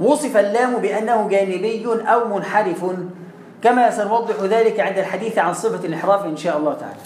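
A man with an Egyptian Arabic accent teaching Quran recitation, demonstrating sounds over and over and asking rhetorical questions. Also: sits high. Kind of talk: explanatory classroom lesson. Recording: echoey room with faint noise.

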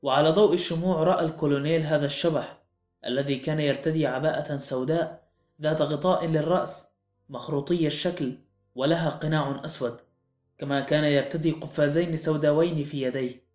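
A man's voice: fairly high pitch, fairly even intonation, a little fast, darkish tone. A man narrating a mystery audiobook in a dramatic, suspenseful manner. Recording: echoey room with faint music.

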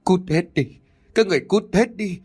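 A man's voice: medium pitch, very animated, fast talker, slightly rough, soft background music. A man doing a young father in a story. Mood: frantic. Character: young father, anxious then frantic.

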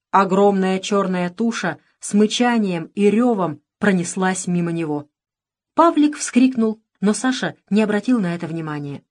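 Lady reading a kids adventure book out loud, dramatic, gets louder on the tense bits. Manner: dramatic, raising pitch and volume for shouted dialogue. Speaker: audiobook narrator. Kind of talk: audiobook narration with voiced dialogue.

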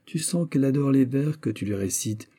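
A man's voice: mid-range voice, animated, brisk, dark tone, pitched above the performer's own voice, lightly acted. A man reading a spiteful scheming courtier. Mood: insinuating. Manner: insinuating, mocking, then exasperated.

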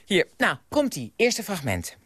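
A man hosting a late-night radio show, chatty and hesitant with many pauses, in a studio. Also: high voice, huge pitch swings, heavy background noise. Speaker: radio host.

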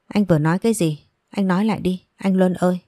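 A woman's voice: fairly low pitch, fast talker, warm tone, no room sound, clean studio sound, close to an everyday voice. A woman doing a frantic, hot-tempered young woman.

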